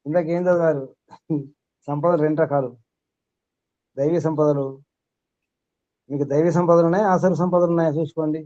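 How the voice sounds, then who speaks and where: A man's voice: a little high, steady tone, fairly quick, pauses often, dark tone, no room sound, lo-fi sound. A man acting as spiritual teacher, giving a sermon to a small group, questioning his listeners and reeling off long lists.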